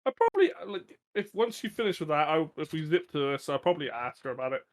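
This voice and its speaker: A man's voice: fairly high pitch, animated, fast talker. A man chatting in a casual, jokey way as a player at a tabletop game.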